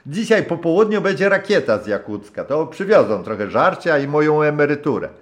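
A man voicing a gruff, hoarse old retired river captain who barks and swears. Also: fairly high pitch, very animated, a little fast, voice pushed up. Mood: hearty. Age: older. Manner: gruff, barking, swears a lot.

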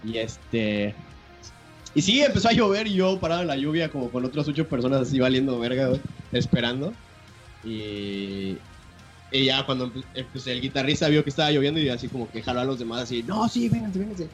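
A young man with a Mexican accent telling a story to friends in casual, slangy chat, excited and swearing freely. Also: medium pitch, fairly quick, faint music behind. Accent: Mexican Spanish.

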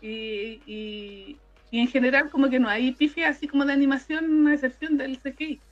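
A woman's voice: sits high, fairly even intonation, moderate pace, highs cut off, soft background music. A Chilean woman co-hosting a podcast, chatting casually about an anime and often restarting her sentences. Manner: chatty, hesitant, trailing restarts. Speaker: podcast co-host. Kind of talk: casual anime review chat.

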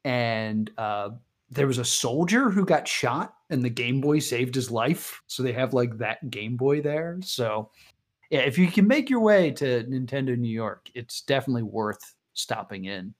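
An animated male comedian chatting as an interview guest, jumping up in pitch when he acts out quotes. His voice sits at a middling pitch and his talk is loose and casual. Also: unhurried.

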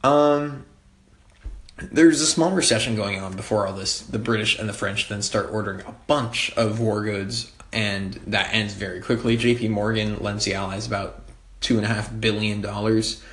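A man's voice: fairly low pitch, steady tone, normal speed, a bit bright, echoey room. A man giving a casual history lecture, talking loosely with many fillers and wry asides. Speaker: history tutor.

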